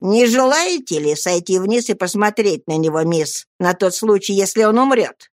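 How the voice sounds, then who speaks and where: A woman's voice: mid-range voice, lively intonation, normal speed, no room sound, clean studio sound, lightly acted. A woman voicing a modest, eager young male servant in a storybook reading, calling out eagerly. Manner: shouting out, eager.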